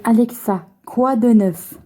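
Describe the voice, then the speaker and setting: A woman hosting a video, giving a smart speaker brief, deliberate spoken commands. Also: on the high side, warm tone.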